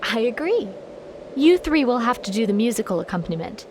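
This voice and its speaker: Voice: mid-range voice, sing-song, a little fast, noisy background, lightly acted. A woman playing a polite, formal youngster from a sky palace in an audio drama. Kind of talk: musical audio drama acting.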